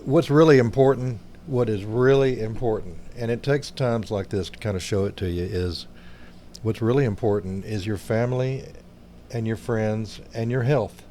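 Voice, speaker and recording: A man co-hosting a casual podcast, talking reflectively with many pauses and fillers. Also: fairly low pitch, warm tone, a little hiss or hum. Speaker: podcast co-host.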